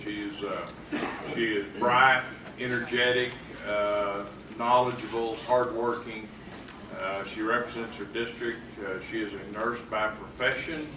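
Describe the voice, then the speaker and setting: A man introducing a speaker, halting with many fillers. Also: fairly low pitch, fairly even intonation. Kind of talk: formal introduction. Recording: roomy, distant mic, audible noise.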